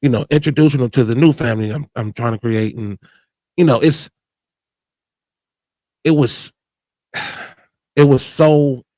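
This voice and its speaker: A man's voice: mid-range voice, measured pace, pauses often, warm tone, no echo. A man in his forties talking candidly and earnestly about his own life, often restarting and adding "you know what I mean". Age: 40s. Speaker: show host. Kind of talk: candid personal talk.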